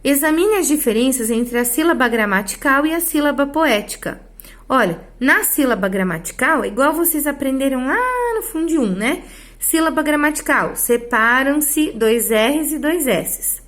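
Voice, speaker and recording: A teacher with a slightly high voice walks her class through the material one step at a time. She keeps checking that the students follow her, with little tag questions as she goes. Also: animated, normal speed, a bit bright. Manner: explains step by step with frequent checks like "tá?" and "né?". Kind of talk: online class lesson.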